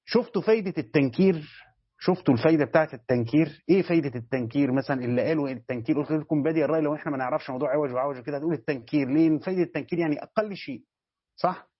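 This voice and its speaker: A man's voice: fairly high pitch, racing, breathy edge. A man with an Egyptian Arabic accent, a sheikh teaching a Quran commentary class who explains step by step and keeps checking that his students follow. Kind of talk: classroom lesson. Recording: dull lo-fi lecture recording.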